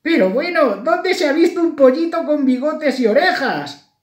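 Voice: big pitch swings, normal speed, distant mic. A piping little chick. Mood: scoffing. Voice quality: piping and high. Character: small cheeky chick. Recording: roomy echo.

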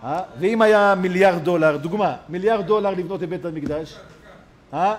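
A man, a rabbi, gives a sermon in a synagogue as an animated storyteller who acts out the people in his story. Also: high voice.

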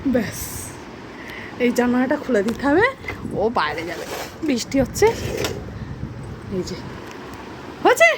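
A woman's voice: fairly high pitch, huge pitch swings. A young woman filming at home, coaxing and chatting to her dog in a repetitive sing-song way. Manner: sing-song coaxing, repeats words fast. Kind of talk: casual home video, coaxing talk to a pet. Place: home indoors, by a window. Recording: noisy home phone recording.

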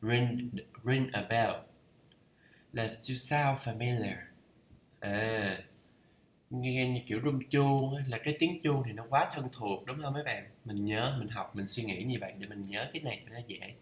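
In a mid-range voice with a roomy sound and a slight hiss or hum, a Vietnamese learner reads a course aloud in a casual study vlog on English idioms. He thinks out loud and reads English phrases slowly to test how they're pronounced.

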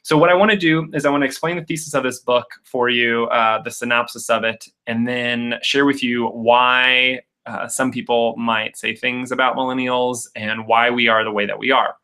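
A young man speaks with a bright, forceful edge into a webcam on a video call. He hosts a live Q&A in a chatty, upbeat way. He tells stories and fills pauses with frequent uhs. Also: mid-range voice, fairly even intonation. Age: young adult. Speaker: public speaking coach hosting a Q&A. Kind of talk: casual live webinar talk and storytelling.

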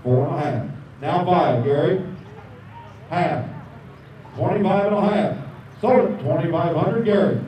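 Fast-chanting man auctioneer, distant and echoey. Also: on the high side, a crowd in the background. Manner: rapid rolling bid calls. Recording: distant echoey dull noisy outdoor capture.

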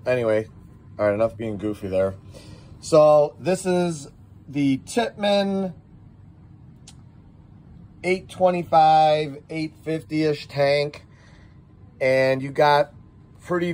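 Middle-aged shop owner, slow easygoing drawl, folksy rambling demo talk. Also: male voice, fairly high pitch, darkish tone. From United States. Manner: rambling, folksy, talks to viewers as guys. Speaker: shop owner demoing airguns. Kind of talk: casual product demo vlog.

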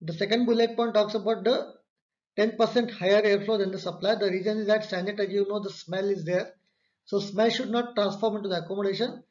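Here the instructor sounds high-pitched and a little mellow, speaking fairly quickly with fairly even intonation. He talks through each slide of an online course from an indoor room, webcam overlaid, repeating key phrases, and the audio is slightly dull and lo-fi.

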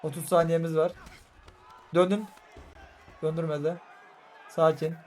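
A young man commentating live as he plays a fighting game, frustrated and excitable, muttering one moment and shouting the next. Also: on the high side, a little slow. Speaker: gaming streamer. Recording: faint crowd and game noise behind.

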